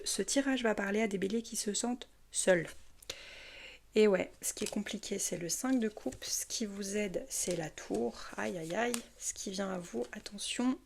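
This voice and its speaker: A woman's voice: mid-range voice, slight background noise. Hesitant woman giving a tarot reading. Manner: hesitant, stumbling over words with many fillers. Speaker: tarot reader. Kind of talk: casual monthly tarot reading.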